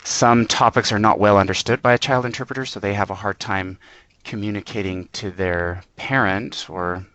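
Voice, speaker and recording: A man giving an informal instructional presentation, explaining plainly in short, measured points. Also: fairly low pitch, fairly even intonation, fairly bright tone, no echo, poor audio. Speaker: presenter on working with interpreters.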